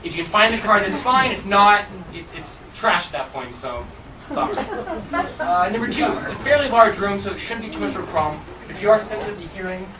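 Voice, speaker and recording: A man's voice: sits high, sing-song, a little fast, crowd noise. A man working as a stage magician, delivering jokey theatrical patter to a live audience in a fairly large room. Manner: jokey, chuckles at own jokes. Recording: echoey room from far off, loud noise.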